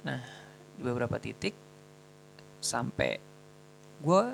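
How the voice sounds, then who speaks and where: Gravelly young man. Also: medium pitch, wildly swooping pitch, slow, slight background noise, rough recording. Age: young adult. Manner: chatty, slangy, self-mocking. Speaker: student telling a personal story. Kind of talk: casual storytelling.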